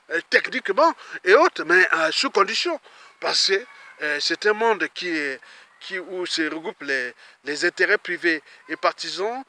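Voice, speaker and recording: A middle-aged man giving an impassioned political monologue, rambling and heated, his voice jumping up when angry and trailing off low. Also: pushed and bright, a little hiss or hum. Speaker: political activist.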